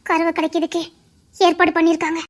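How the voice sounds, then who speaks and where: A woman's voice: very high-pitched, completely flat delivery, quick pace. A woman voicing a grieving mother who lost her twin babies, speaking in an earnest, insistent and soothing way in an amateur audio drama.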